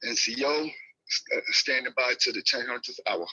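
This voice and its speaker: A man's voice: medium pitch, moderate pace, pushed and bright, slightly rough. A man acting as net control on a two-way radio, speaking in formal radio procedure and spelling letters phonetically. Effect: heard over a two-way radio link. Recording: lo-fi radio audio.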